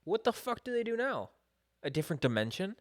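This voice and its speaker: A man's voice: sits high, sing-song, a little fast. Blunt, skeptical young man on a podcast. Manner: skeptical, blunt, swears casually. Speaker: podcast co-host. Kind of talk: casual chat.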